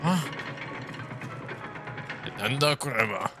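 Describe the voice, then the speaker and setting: A man's voice: mid-range voice, expressive, slow, creaky. Young man streaming a game, confused. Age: young adult. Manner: confused, rambling, repeats words. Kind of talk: live gameplay commentary. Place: small room indoors. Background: game music.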